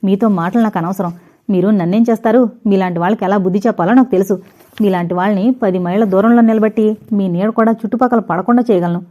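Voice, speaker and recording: A woman's voice: medium pitch, steady tone, fast talker, few pauses, dull audio, lightly acted. A woman reading as a fiery proud young woman. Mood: indignant. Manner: sharp, indignant, scolding. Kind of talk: audio novel reading.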